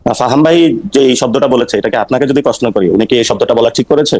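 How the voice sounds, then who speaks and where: A man's voice: mid-range voice, a little mellow, low-quality recording. A man from Noakhali, Bangladesh, a politician guest on a talk show, defending his earlier remarks in insistent, repetitive answers. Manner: rapid, insistent, repeats himself when explaining.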